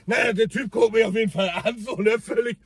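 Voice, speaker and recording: A man's voice: very high-pitched, fast talker, slightly rough, no echo, far from the mic. A man, a paramedic, animatedly telling a story about a call-out and acting out the dialogue. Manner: animated, exasperated, acts out the dialogue. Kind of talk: storytelling vlog.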